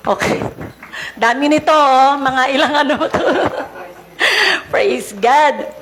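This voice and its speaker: High-voiced Filipino woman, congested, chatty. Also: slow, a bit bright. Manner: chatty, laughing, storytelling. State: congested with a cold. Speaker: lay preacher. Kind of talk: casual sermon introduction.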